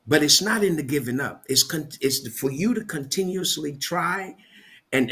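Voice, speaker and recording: A man's voice: mid-range voice, sharp tone. A man from Barbados, a guest on a talk show, speaking in an emphatic, preacherly way and often repeating words as he builds his point. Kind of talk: motivational interview talk.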